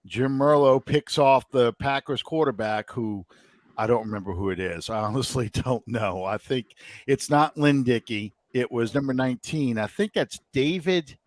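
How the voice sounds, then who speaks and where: A man's voice: mid-range voice, moderate pace, no room sound. A man from the New Orleans area hosting a casual sports podcast, rambling and thinking aloud with many ums. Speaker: podcast host.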